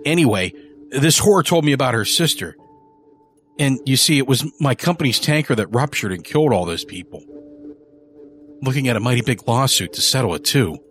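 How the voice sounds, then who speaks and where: A man's voice: mid-range voice, lively intonation, a little fast, a bit bright, faint music behind, pitched above the performer's own voice, lightly acted. A man voicing a ruthless, wealthy male killer who rambles through a paranoid confession. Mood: agitated, rambling.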